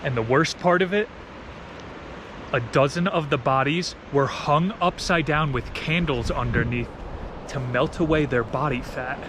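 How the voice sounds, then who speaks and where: Background noise surrounds a slightly high male voice moving at a measured pace. The speaker, an American-accented travel vlogger from New Jersey, United States, is camping outdoors and trades stories in a casual, slang-heavy, playful vlog style.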